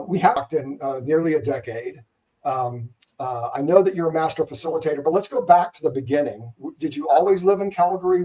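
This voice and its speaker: A man hosting a casual live-stream interview, relaxed and rambling with plenty of fillers. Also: on the high side, recorded from a distance, rough recording. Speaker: host, interviewer.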